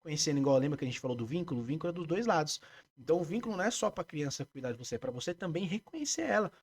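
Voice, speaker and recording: A man with a Brazilian Portuguese accent, a music therapist being interviewed, explaining his work in a lively way and breaking into short sung examples. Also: fairly high pitch, racing, breathy edge. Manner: animated, demonstrates by singing snippets.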